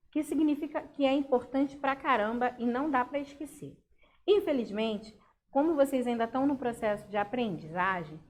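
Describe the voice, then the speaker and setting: High-voiced Brazilian teacher, patient. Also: female voice. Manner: patient, explaining step by step with frequent check-ins. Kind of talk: online class lesson.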